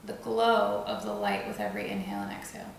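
A woman slowly and soothingly guiding a breathing and visualization meditation. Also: a bass voice, sing-song, vocal fry, a little hiss or hum. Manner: slow, soothing, gently instructive. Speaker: meditation guide. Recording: very echoey room, faint ambience.

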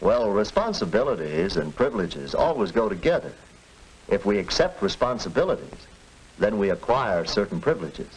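A man's voice: on the low side, big pitch swings, normal speed, slight background noise, rough recording. A man playing an agreeable, reasonable middle-aged American father in a 1940s educational film. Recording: vintage film soundtrack.

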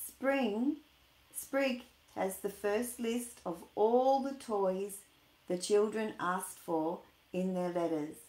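Speaking slowly in a medium-pitched, somewhat dark voice, a woman in her sixties reads and chats with young children in a sing-song, questioning style. She's a children's storyteller in a small room at home, and the webcam audio sounds roomy and echoey.

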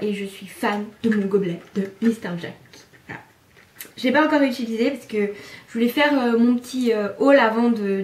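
Enthusiastic woman vlogger, chatty, lots of "euh", slightly high voice, echoey room. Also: recorded from a distance. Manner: enthusiastic, chatty, many fillers. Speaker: YouTuber showing a haul. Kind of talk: casual chat to camera.

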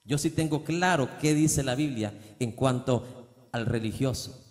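A man's voice: medium pitch, unhurried. Preaching man in a reverberant church. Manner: preaching with rising, shouted emphasis and acted quotes. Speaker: pastor. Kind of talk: sermon.

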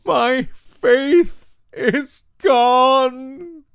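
A man voicing a desperate young Puritan husband who cries out in strained, high anguish. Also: very slow, creaky, a bit bright, clean tone, full character voice. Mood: despairing. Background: faint music score.

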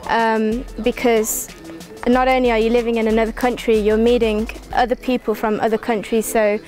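A woman's voice: fairly high pitch, flat delivery, moderate pace. A young woman from England, a first-year medical student, speaking earnestly to camera on a seaside cliff with many ums. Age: young adult. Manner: earnest, flowing with frequent ums. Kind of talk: promotional testimonial to camera. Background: soft background music.

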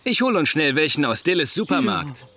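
Fireman Sam, high-voiced, lively, responsible hero. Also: a little fast, background noise. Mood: friendly, instructive. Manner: friendly, instructive. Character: kind, responsible adult fireman giving safety advice. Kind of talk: German cartoon dubbing.

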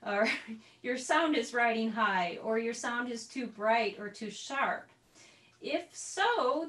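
On a video call, a woman with a fairly bright voice on the high side teaches a group how to play the recorder. Her style is chatty, with small asides along the way. The computer mic sits at a distance, so the sound comes across roomy.

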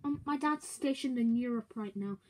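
A woman playing a lively teenage girl. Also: fairly high pitch, normal speed, faint music behind, lightly acted. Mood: calm explaining. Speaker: lead character. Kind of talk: sitcom acting.

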